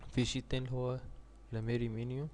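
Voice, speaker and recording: A man with an Egyptian Arabic accent teaching a screen-recorded software tutorial. He reads each step aloud in English, then thinks it through aloud in Arabic. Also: mid-range voice, little pitch movement, racing, a little hiss or hum. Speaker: software instructor.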